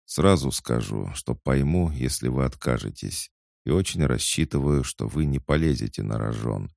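A man playing a stern adult commander who speaks in a measured, authoritative way. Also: very deep voice, animated, vocal fry, a little mellow, dry recording, clean studio sound, full character voice.

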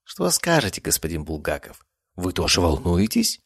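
A man's voice: low voice, wildly swooping pitch, normal speed, vocal fry, dry recording, clean studio sound, heavily acted. A man playing a cruel male interrogator villain with a gloating, mocking manner in an audiobook.

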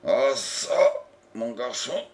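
Brief: man voicing a scolding, indignant director, mid pitch, unhurried storybook read. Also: a crowd in the background, lightly acted. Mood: scornful. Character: irate middle-aged male company director.

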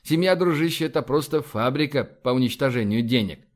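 A man's voice: mid-range voice, fairly quick, natural voice. A man voicing a grumbling, put-upon male ship technician in a sci-fi audiobook, with a whiny, complaining manner. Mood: weary, sighing.

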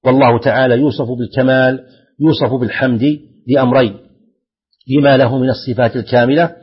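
A man teaching an Islamic lesson as a sheikh. He reads phrases from a text aloud and then explains each one slowly and deliberately, putting stress on the quoted words. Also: mid-range voice, breathy edge. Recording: dull lo-fi lecture recording.

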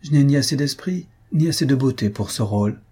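A man's voice: medium pitch, lively intonation, brisk, warm tone, husky, voice pushed up. A man voicing a witty, mocking young noblewoman who talks in a teasing, proudly plain-spoken way.

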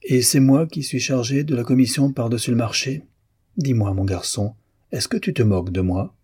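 Guy doing a teasing ironic doctor, kinda husky, dry close sound. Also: medium pitch, moderate pace, darkish tone, no room sound, close to an everyday voice. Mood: wry. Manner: bantering, ironic. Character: wry amused male doctor, teasing and generous.

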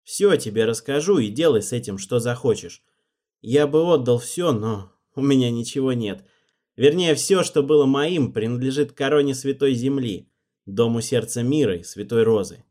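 A man's voice: medium pitch, lively intonation, normal speed, warm tone, natural voice. A man reading the part of a cold, ruthless young schemer who speaks in icy, mocking commands. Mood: cold, commanding.

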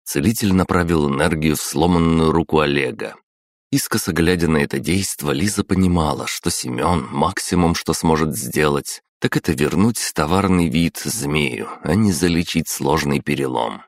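Deep gravelly guy reading a novel, steady and plain, dry close mic. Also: normal speed, dry recording. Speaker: audiobook narrator. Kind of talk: scripted narration.

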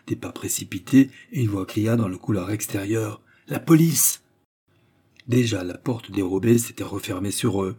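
A man reads a novel aloud in a measured, steady way. His voice is low and dark, with a husky, breathy grain. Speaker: audiobook narrator. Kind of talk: scripted narration of a novel.

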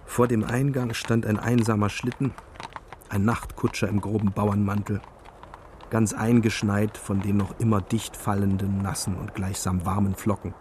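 A man's voice: fairly low pitch, little pitch movement, moderate pace, darkish tone, slight background noise. A man narrating a radio play with a brooding, bitter manner.

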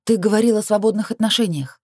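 A woman reading an audiobook and voicing a defiant, torn young woman with a lifted, sharp, bitter edge. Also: mid-range voice, quick pace, slightly rough, dry recording, studio quality, pitched above the performer's own voice, lightly acted.

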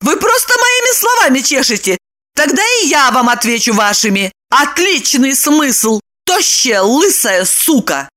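Woman doing a shrill, mocking gloater. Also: sing-song, unhurried, a bit bright, full character voice. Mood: gloating. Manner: shrill, mocking, with swooping exclamations. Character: sharp-tongued, gloating young woman, mocking and lecturing. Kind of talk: audiobook character voice.

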